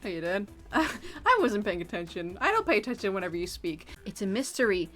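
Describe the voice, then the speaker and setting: A woman's voice: mid-range voice, very animated, brisk, fairly bright tone. A woman hosting a casual fan-game read-through with a friend, theatrical and prone to bursts of laughter. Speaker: host.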